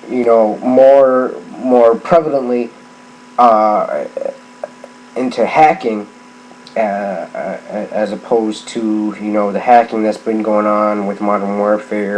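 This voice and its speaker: A drunk middle-aged man on a rambling, casual gaming rant, halting and repeating himself as he circles back on phrases. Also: lowish voice, a little mellow. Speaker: gaming vlogger. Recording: clearly noisy background ambience.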